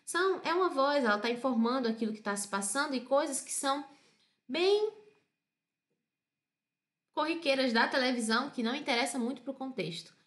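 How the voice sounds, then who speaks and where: A woman with a slightly raised voice leads an Italian lesson. She walks through song lyrics and spells out phrases with patient repetition. She says each expression slowly, then gives its meaning. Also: sits high, expressive. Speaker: Italian teacher.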